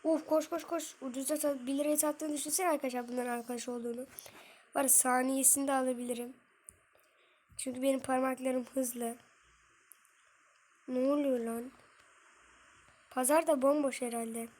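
A woman's voice: sits high, fairly even intonation, moderate pace, long pauses, darkish tone. A woman giving casual gameplay commentary, muttering and cursing at the game and chatting to her viewers. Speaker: gaming streamer.

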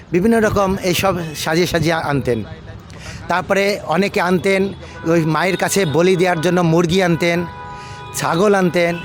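A man from India, an ISKCON monk, recounting his past in an unhurried, casual storytelling way, repeating himself and pausing on fillers. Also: high voice. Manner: unhurried, repetitive, with many fillers and restarts.

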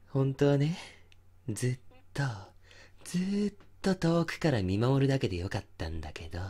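Young male stalker played by a man, possessive and sweetly menacing, coaxing, unhurried and expressive, for intimate ASMR audio drama. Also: mid-range voice, slightly rough. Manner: menacing, coaxing and softly teasing.

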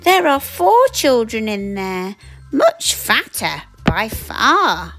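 A woman's voice: a little high, takes it slowly, faint music behind, exaggerated voice. A woman voicing a small, clever boy on a bike in a read-aloud picture book. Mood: pleading. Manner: pleading, bright and lively. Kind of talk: storybook reading.

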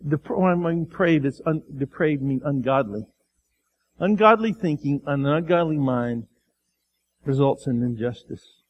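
A Midwestern American pastor preaching from the pulpit in a fairly high voice. He acts out the quoted voices in his story, climbing to loud cries and then sinking to near-whispers for weight. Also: animated, moderate pace, husky, dull audio. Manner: acts out the crowd and Pilate in quotes, sometimes shouting; drops to a quiet, low voice for emphasis. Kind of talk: sermon.

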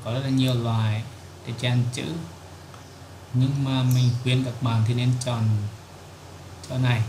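A tutorial host with a flat, mid-range voice sits at his computer recording his screen, explaining a software tutorial step by step at a measured pace with frequent "there" fillers. The room is echoey, and keyboard typing comes through clearly.

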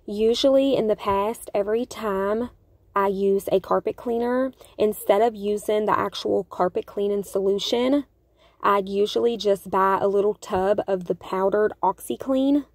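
A woman's mid-range voice carries a chatty, upbeat voice-over for her home vlog, with soft background music underneath. She speaks to viewers as "you guys," and the recording is studio quality with no echo.

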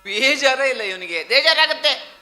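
A male ventriloquist plays straight man in a stage comedy show, quizzing and teasing his puppet. His voice sits high and rings very bright. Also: animated, moderate pace.

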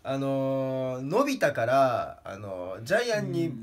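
A man casually presenting joke pictures, laughing at his own gags and jumping into a strained high voice for punchlines. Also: takes it slowly, a little hiss or hum. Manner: laughs at his own jokes, lively pitch swings. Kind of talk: casual comedic talk with laughter.

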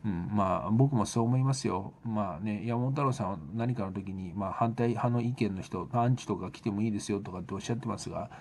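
A man's voice: on the low side, a little fast, few pauses, a little mellow, breathy edge. A man hosting a solo talk show, speaking earnestly and directly to his listeners, hesitant and full of fillers and restarts. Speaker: radio show host. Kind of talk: solo talk radio monologue.

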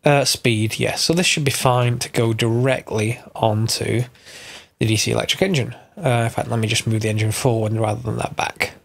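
A gravelly, mid-range male voice, clogged by a cold, walks through a Minecraft mod tutorial at a moderate pace with fairly even intonation. The narration is casual, full of thinking aloud and corrections as he goes.

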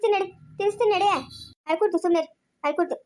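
Against a noisy background, a woman with a very high voice races through her lines as a harsh village mother. She scolds her young son with repeated questions in an amateur family drama.

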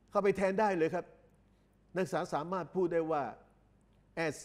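A man lectures, explaining slowly, repeating phrases and drawing out each English word. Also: on the high side. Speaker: English exam tutor. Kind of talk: recorded lecture.

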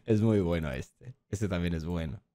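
A man's voice: low voice, moderate pace, background noise. A young man, a streamer reacting to clips in casual commentary, blunt and mocking. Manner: animated, blunt, swears and mocks playfully.

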